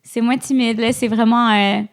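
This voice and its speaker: A woman comedian with a Québécois accent, chatting quickly in an interview with many fillers and laughs. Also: a little high, steady tone. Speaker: stand-up comedian guest. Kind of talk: casual interview chat.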